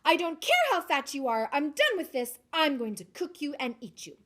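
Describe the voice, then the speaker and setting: A woman voicing a wicked, cunning old witch in a read-aloud fairy tale, with a slow, drawn-out old-lady voice. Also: a little high, sing-song, pitched below the performer's own voice. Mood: gloating.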